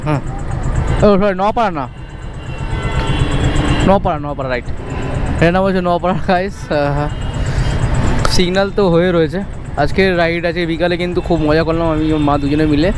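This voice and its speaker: Guy motovlogging on his bike, high voice, clear traffic noise behind him. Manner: chatty, rambling, self-correcting. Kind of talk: casual chat while riding. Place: outdoors on a motorcycle in city traffic. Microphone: action camera on the rider. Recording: outdoor action-camera audio with traffic noise. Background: traffic and street noise.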